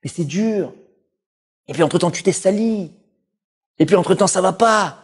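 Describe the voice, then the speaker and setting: Man, rabbi, Torah lesson sermon, animated, direct address, fairly high voice. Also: moderate pace, breathy edge. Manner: animated, addresses listeners directly, full of Hebrew terms.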